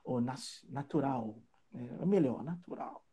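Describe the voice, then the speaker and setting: A man from Trinidad and Tobago, his English, chatting as a guest teacher and pausing often to find his words. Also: medium pitch, warm tone. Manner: hesitant, searching for words, with many fillers. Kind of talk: casual live chat.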